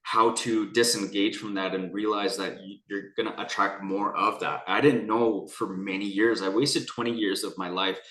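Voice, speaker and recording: A lower-voiced young man with a bright edge tells his life story in a rambling, earnest way, circling back and restarting often. The room around him is echoey and hollow. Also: steady tone, normal speed, hardly any pauses. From Canada. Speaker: guest. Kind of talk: candid personal conversation.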